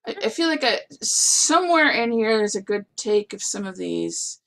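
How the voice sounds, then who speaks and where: A woman songwriter recording her own vocals, talking softly and directing herself between takes. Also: mid-range voice, sing-song, gravelly. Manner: soft-spoken, unhurried, self-directing. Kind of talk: casual studio work talk.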